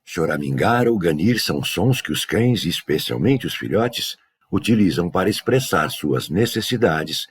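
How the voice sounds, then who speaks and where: A man working as a dog trainer, giving a measured, scripted educational narration. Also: sits low, slightly rough. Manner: measured, explanatory delivery.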